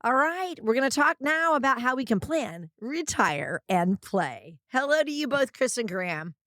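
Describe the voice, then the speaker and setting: A woman's voice: sits high, lively intonation, moderate pace, fairly bright tone, no echo, clean studio sound. Upbeat woman hosting a radio show. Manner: upbeat, chatty, laughs often.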